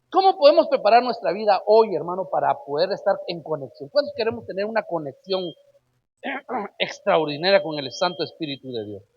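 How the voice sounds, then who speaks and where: High-voiced husky male preacher. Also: highs cut off. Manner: emphatic, keeps addressing listeners as brother, rhetorical questions. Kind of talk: sermon.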